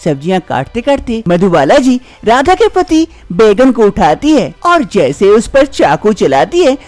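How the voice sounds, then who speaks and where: A man narrating an animated story in a scripted, expressive storytelling manner. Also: very high voice, no room sound.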